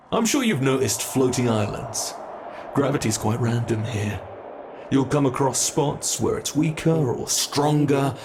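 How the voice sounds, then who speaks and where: Voicing a predatory male creature beneath the bed for a horror roleplay, a British man uses a mid-range voice that sounds close to his everyday speech. He taunts his prey slowly and playfully, sinking into whispers, with background noise audible.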